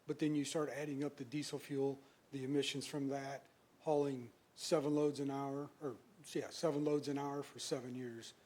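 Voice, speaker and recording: A man's voice: mid-range voice, level tone, normal speed, a little mellow. A man, a utility official, answering a city council's questions in a practical, matter-of-fact way. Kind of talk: explanatory answers.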